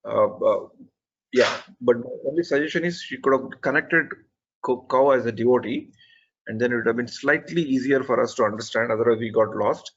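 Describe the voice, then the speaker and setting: A man's voice: medium pitch, a little fast, breathy edge, dull audio. A man giving earnest, methodical spoken feedback on an online presentation, often restarting his sentences. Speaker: presentation evaluator.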